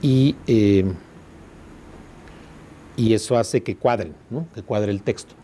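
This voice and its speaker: A man's voice: fairly low pitch, slow, dark tone, slight background noise. A man with a Mexican accent teaching a class, explaining patiently and often asking the students if they follow. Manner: explains patiently, checks understanding with constant questions. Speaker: law school teacher. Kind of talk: classroom lecture.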